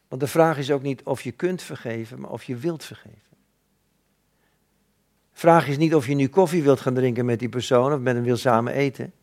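A man's voice: fairly high pitch, darkish tone. A middle-aged man preaching a sermon in a conversational way, asking his listeners questions and acting out short dialogues. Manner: conversational, acts out dialogues, asks the audience questions.

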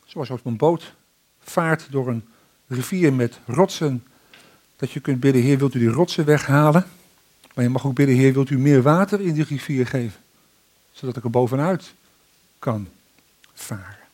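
A man preaching a sermon and reading psalms aloud with slow, deliberate emphasis. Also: mid-range voice, a little mellow, slightly rough.

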